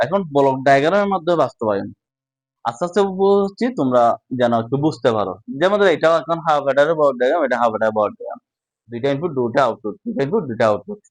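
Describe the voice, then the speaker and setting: A man teaches at a whiteboard, walking through each step and pausing to ask if students follow. His voice sits at an ordinary middle pitch. The sound is dry, with little room echo. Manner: explains step by step, often checking understanding. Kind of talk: casual whiteboard lesson.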